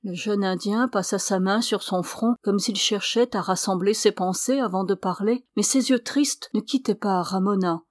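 A woman's voice: mid-range voice, normal speed, few pauses, no room sound. Woman narrating a novel, dry close sound. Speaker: audiobook reader. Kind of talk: reading a novel aloud.

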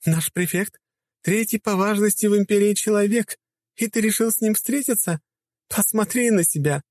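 A man's voice: moderate pace, a little mellow, dry recording, lightly acted. A man doing a haughty young secretary girl. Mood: mocking. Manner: shrill, mocking, indignant.

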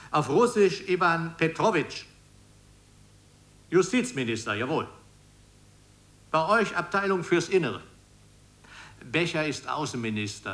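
A coarse, no-nonsense justice minister handles a phone call with blunt, matter-of-fact talk in a radio play. His voice sits at a middle pitch and moves in a lively way. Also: heavily acted. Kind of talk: 1990s radio play satire.

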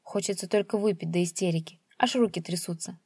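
A woman reading a grim short story aloud at an even, steady pace. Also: lowish voice, fairly quick, slightly rough, no echo, studio quality. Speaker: narrator.

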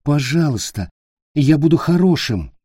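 A man voicing a terrified little boy who pleads and wails loudly. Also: fairly high pitch, very animated, unhurried, husky, no room sound, studio quality, pitched above the performer's own voice, full character voice. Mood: pleading. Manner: pleading, wailing, loud.

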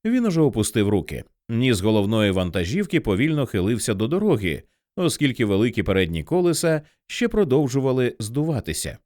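Male audiobook narrator, expressive and dramatic, dry close sound. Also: medium pitch, brisk, few pauses, no room sound. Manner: lively, dramatic storytelling.

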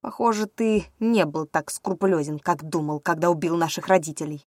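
A woman's voice: on the low side, moderate pace, no room sound, clean studio sound, natural voice. A woman voicing a fierce, defiant young witch heroine with an urgent, fiery delivery.

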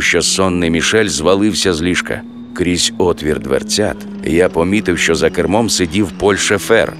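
Man, audiobook narration, very low voice, steady measured reading. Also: slight background noise.

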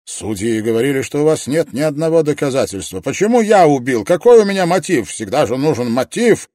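A man voicing a cornered male officer who shouts back defiantly in an audiobook. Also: medium pitch, very animated, brisk, no room sound, studio quality, pitched above the performer's own voice, close to an everyday voice. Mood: furious. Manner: shouting, indignant. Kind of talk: audiobook character voice.

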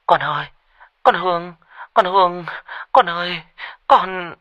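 A man's voice: fairly high pitch, very animated, normal speed, darkish tone, slightly rough, no room sound, voice pushed up, full character voice. A man doing a frantic stammering mother. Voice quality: choked, stammering. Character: anxious middle-aged mother, frantic.

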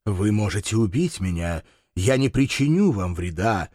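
A meek, earnest male angel, voiced by a man reading a storybook who pleads in a gentle, solemn way. His speech moves with lively pitch. The recording is dry and close. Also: normal speed, dry recording. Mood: pleading.

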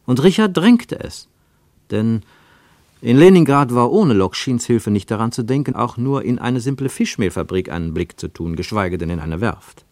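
A man with a medium-pitched voice narrates a literary radio play as a scripted storyteller. His delivery is measured and expressive, with deliberate pauses, and there is no echo.

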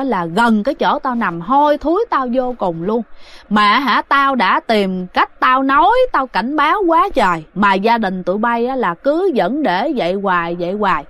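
A woman's voice: a little high, fairly bright tone, dry recording. A woman voicing an angry, cursing male ghost who scolds a family in a told ghost story. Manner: coarse, scolding.

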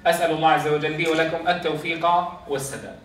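A man teaching recitation rules quizzes his class, his voice fairly high, level and fairly bright as he races along. He is a Quran teacher leading a tajweed lesson, recorded from a distance in an echoey classroom.

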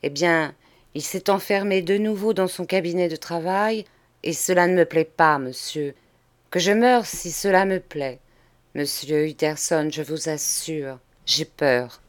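A woman voicing a frightened older male butler with a hoarse, halting way of speaking, in a storybook reading. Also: low-pitched. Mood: fearful.

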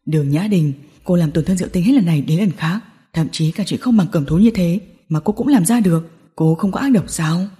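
A woman's voice: lowish voice, fairly quick, dark tone, long reverb tail, pitched below the performer's own voice, close to an everyday voice. A woman voicing a bitter, vengeful young businessman in an audiobook drama, talking coldly through clenched teeth. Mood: cold, seething.

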